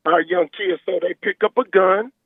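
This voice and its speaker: A man's voice: high voice, steady tone, moderate pace, slightly rough, no room sound. A man calling in on a speakerphone over a phone line, insistent in a heated debate and repeating himself to keep talking. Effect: speakerphone call over a phone line. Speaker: caller. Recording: tinny, dry phone line.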